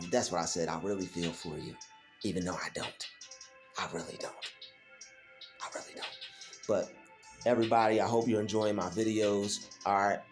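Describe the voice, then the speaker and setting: Alone at home, the host of a faith vlog channel speaks in a low-pitched voice. His delivery is casual yet emphatic, full of repeated phrases and filler words.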